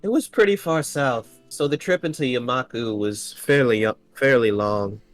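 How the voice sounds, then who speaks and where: A man reading the lines of a gentle, polite young woman in a calm, soft-spoken way, close to his own voice. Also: medium pitch, moderate pace, no echo, soft background music, close to an everyday voice.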